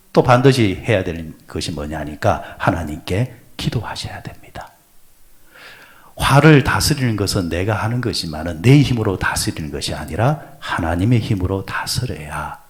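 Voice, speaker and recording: A male pastor with a fairly low voice preaches at an early-morning prayer service. His pitch rises and falls a great deal as he puts questions to the congregation and answers them himself. He swings from loud exclamations to soft, breathy asides. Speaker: senior pastor.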